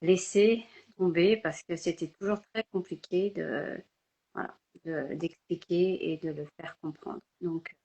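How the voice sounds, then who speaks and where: A woman's voice: lowish voice, steady tone, unhurried, dark tone, husky, lo-fi sound. An older woman from France, speaking hesitantly with many fillers as a guest in a casual live video-call interview. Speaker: guest photographer.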